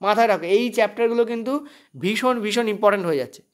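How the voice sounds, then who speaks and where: West Bengal Bengali accent, exam-prep teacher, online lesson, rapid delivery, frequent "okay?" check-ins, mixes in English terms. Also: mid-range voice. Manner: thinks aloud while checking notes.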